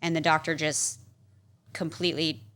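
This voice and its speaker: Chatty woman with a bright, forceful voice. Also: low-pitched, normal speed. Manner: chatty, peppered with "like" and "um"; animated, acts out quoted people. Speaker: podcast guest. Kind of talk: casual storytelling interview. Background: interviewer's short backchannels.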